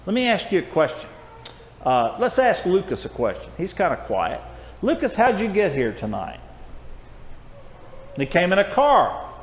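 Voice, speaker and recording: A man's voice: sits high, huge pitch swings, normal speed, pauses often. An older man teaching a children's Bible class, friendly and coaxing as he calls on the kids by name, in a church auditorium recorded from a far camera. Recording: echoey hall from afar with faint noise.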